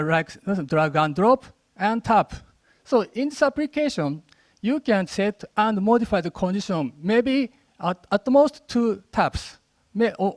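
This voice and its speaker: Japanese guy doing a rushed lightning talk demo, pretty high voice, animated. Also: no echo. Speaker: conference speaker. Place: conference stage.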